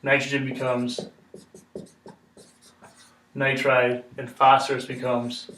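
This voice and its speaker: A man's voice: mid-range voice, completely flat delivery, slow, a bit bright, slight background noise. A man teaching a chemistry lesson step by step, patient and repetitive, checking in with "okay?". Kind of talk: classroom lesson explanation. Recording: echoey room, mic far off.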